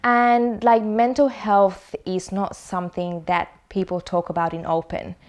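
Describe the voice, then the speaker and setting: A woman's voice: mid-range voice, little pitch movement, a little slow. A young woman from Sri Lanka speaking casually about her own experience, full of fillers and restarts. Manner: rambling, many fillers and restarts. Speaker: interviewee sharing lived experience. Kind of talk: casual testimonial.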